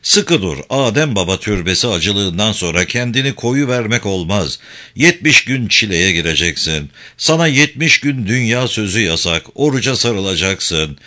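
Stern old sheikh in a told folk tale, deep and forceful, as a male narrator puts him on. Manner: grave, commanding instructions.

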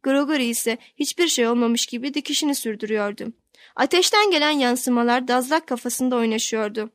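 Higher-voiced woman reading a novel aloud. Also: brisk, no echo, studio quality. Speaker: audiobook narrator. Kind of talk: scripted narration of a novel.

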